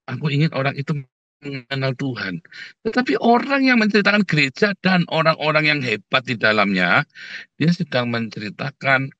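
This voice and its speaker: Male preacher, mid pitch, forceful and bright, chatty sermon delivery, dry, slightly dull recording. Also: sing-song, normal speed, no echo. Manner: conversational, often addresses listeners as "Saudara", acts out quoted prayers. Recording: dull lo-fi sound.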